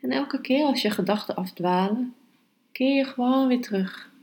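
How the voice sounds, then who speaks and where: A woman hosting a yoga podcast, teaching calmly and guiding meditation in a measured, unhurried way. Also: on the high side. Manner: slow, measured, unhurried delivery with pauses. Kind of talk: calm instructional podcast and guided meditation.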